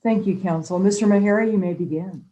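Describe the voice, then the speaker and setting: An American woman speaking as a presiding judge, addressing a court in a measured, official manner. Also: medium pitch, dark tone, muffled recording. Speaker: chief justice presiding in court.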